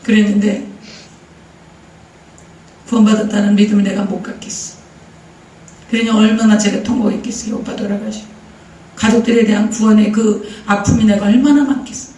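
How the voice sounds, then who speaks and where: A woman's voice: medium pitch, dark tone, far from the mic. A middle-aged woman pastor delivers an emphatic sermon, driving her story forward with rhetorical questions to the congregation. Her voice comes from some way off the microphone and rings around a roomy church hall, with a faint hum of ambience underneath. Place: church sanctuary.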